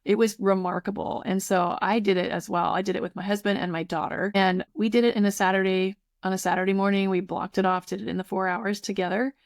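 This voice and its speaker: A woman in her fifties who runs a tutoring program talks warmly and effusively in a casual podcast conversation, often restarting her sentences. Her medium-pitched voice moves little in pitch and runs fast with hardly any pauses, recorded dry at studio quality.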